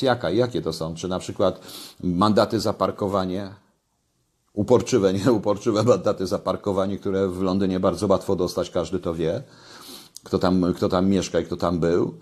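Older man, lowish voice, home webcam commentary, conversational, rises on emphasis. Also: a little mellow. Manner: conversational, rising emphasis on key points. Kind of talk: casual commentary to camera. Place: home kitchen, indoors. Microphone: webcam at desk.

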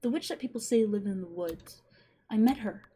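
A woman voicing a shy, cheerful little scarecrow boy, eager and quick-spoken. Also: mid-range voice, warm tone, a little hiss or hum, natural voice. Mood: happy.

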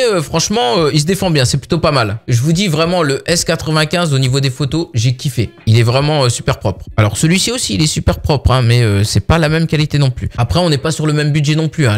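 A man casually reviewing a budget phone, talking in a chatty way full of fillers. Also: fairly high pitch. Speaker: tech reviewer.

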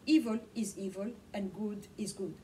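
A middle-aged woman, Swahili being her first language, preaches to camera from a small home study in a steady, darkish, medium-pitched voice at a moderate pace. She is impassioned, gestures a lot, and repeats words for emphasis, picked up by a camera mic across the room with faint room noise.

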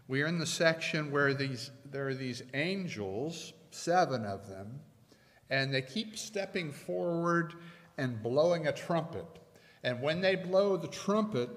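Slow-preaching man in a reverberant church. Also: mid-range voice, fairly bright tone. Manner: measured, emphatic preaching with slow stressed phrases. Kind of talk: sermon. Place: church sanctuary at a pulpit. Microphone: pulpit microphones.

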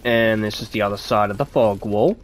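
A man's voice: fairly low pitch, a little fast, background noise. A man with a stuffy nose giving casual let's-play commentary, muttering to himself as he plays. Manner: chatty, muttering to himself while playing. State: stuffy-nosed. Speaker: gameplay commentator.

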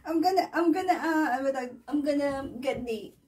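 A high, light female voice, teasing and apologetic in a relaxed family vlog. She giggles easily between lines. She sits a bit back from the microphone in a bedroom at home. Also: normal speed, distant mic. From Philippines. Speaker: vlogger and mother. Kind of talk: casual family chat. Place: her son's bedroom at home.

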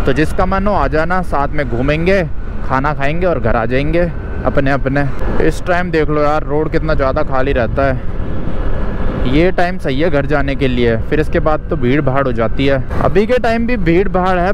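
A young man in casual motovlog commentary, riding a scooter through city traffic and chattily explaining tips to viewers through a helmet mic. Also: on the high side. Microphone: helmet mic recording from a ride. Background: faint traffic and wind.

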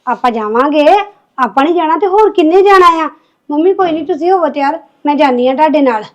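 A woman playing an obliging young daughter-in-law who tries to calm everyone down. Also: high voice, fast. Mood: placating. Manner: soft, placating. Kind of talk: Punjabi family drama acting.

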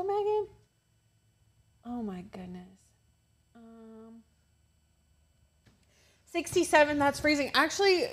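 A woman co-hosting a casual craft livestream, reading viewer comments aloud and laughing often. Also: high voice. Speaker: co-host reading live chat.

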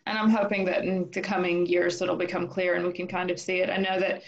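A woman's voice: on the low side, flat delivery, fast talker, creaky, muffled recording. A young woman, casually hosting an interview over a video call from home. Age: young adult. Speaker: interviewer, host.

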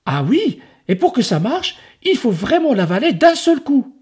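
A man reading a children's story, voicing a clever, sly little boy with a high, innocent, eager voice. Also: big pitch swings, unhurried, darkish tone, slightly rough, heavily acted. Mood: sly cheerful.

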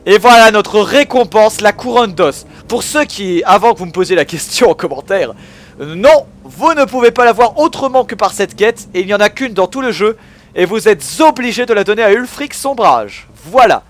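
A man giving excitable gameplay commentary, swearing and shouting at the game as he plays. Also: sits high, moderate pace. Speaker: gaming video host.

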